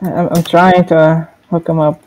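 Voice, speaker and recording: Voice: mid-range voice, flat delivery, unhurried, darkish tone, rough recording. A player chatting casually during a group game, playful, laughing and blurting out reactions. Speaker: gamer. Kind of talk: casual multiplayer game chat.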